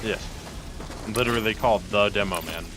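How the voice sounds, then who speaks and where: A man's voice: fairly low pitch, moderate pace, noisy background. A man chatting while playing a game, with dry, sarcastic teasing and swearing. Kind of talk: casual gaming chat.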